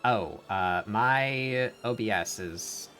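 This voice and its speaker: A man talking casually into a computer mic, his low voice breaking up into a crunchy, bitcrushed digital sound. He rambles and halts with fillers. His tone is bright and forceful. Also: faint music behind. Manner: rambling, halting, with many fillers and restarts. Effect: crunchy bitcrushed digital distortion from a failing stream. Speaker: streamer chatting with friends. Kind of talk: casual chat. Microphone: computer mic over voice chat.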